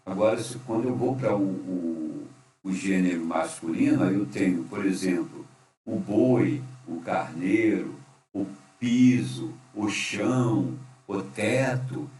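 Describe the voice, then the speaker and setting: Deep guy teaching grammar, repeats stuff, roomy echo. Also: darkish tone. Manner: patient, repeats and checks with "certo?". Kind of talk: recorded grammar lesson. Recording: echoey room, faint hum.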